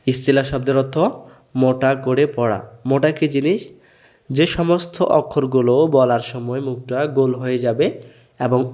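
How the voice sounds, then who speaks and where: Male Quran teacher from Bangladesh, mid-pitched, unhurried drill-style classroom delivery. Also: a little mellow. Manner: repeats letters slowly, has learners say them back. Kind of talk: slow classroom tajweed lesson.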